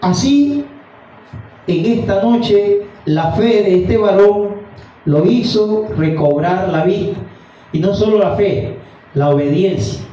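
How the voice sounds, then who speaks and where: A man's voice: high voice, lively intonation, slow, pauses often, mellow. A man preaching a fervent evening sermon, reading scripture aloud and calling his listeners brother. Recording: dull, roomy sound from a distant mic.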